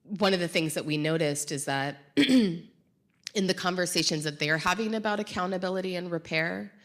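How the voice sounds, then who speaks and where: A woman's voice: fairly low pitch, moderate pace. A woman co-hosting a live conversation on stage, speaking reflectively and searching for her words. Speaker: podcast co-host. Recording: uneven live-show sound.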